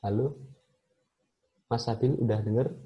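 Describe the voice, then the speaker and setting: A man's voice: medium pitch, fairly even intonation, a little slow. A man tutoring students in an online class, explaining step by step, his voice breaking up over a bad internet connection. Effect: choppy, cutting-out online call audio. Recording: lo-fi online video call audio.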